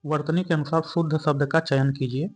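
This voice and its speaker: A man's voice: on the high side, steady tone, brisk, breathy edge. A young man, an exam-prep teacher, steadily explains each question and restates the correct answer.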